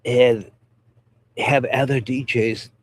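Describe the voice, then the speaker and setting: A man's voice: medium pitch, steady tone, slow. A man from Pennsylvania, a DJ hosting a casual livestream chat about gear, rambling and repeating words, stuffy from a head cold. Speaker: DJ and channel host; talking gear with viewers.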